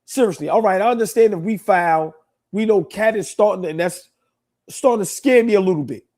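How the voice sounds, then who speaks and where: A man's voice: high voice, brisk, a little mellow. A man co-hosting a sports talk show, making his points emphatically and often asking "right?". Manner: emphatic, rhetorical questions, frequent "right?". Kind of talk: casual sports chat.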